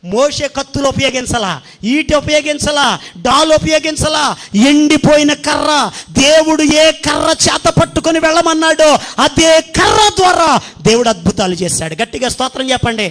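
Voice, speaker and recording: Pastor guy preaching, super high voice, acts out bible folks begging god. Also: moderate pace, a bit bright. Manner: acts out Bible figures' pleas, calls for praise. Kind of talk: sermon.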